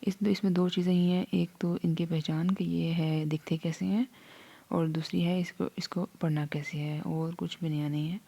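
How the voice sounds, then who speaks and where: Patient female tutor, mellow low voice, slow steady drills. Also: gravelly, breathy edge. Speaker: Quran reading teacher. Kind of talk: online lesson.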